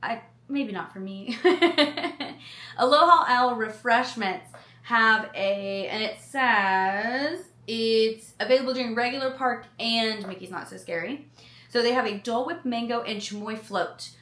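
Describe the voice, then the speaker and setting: A woman's voice: a little high, unhurried, bright, forceful tone, echoey room. A woman food vlogger reading menu items aloud and adding chatty personal asides. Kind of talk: casual chat reading a menu.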